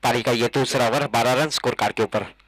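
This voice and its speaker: A man with an Indian accent giving excited live ball-by-ball cricket commentary as the match announcer. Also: medium pitch, fast talker, no room sound, poor audio.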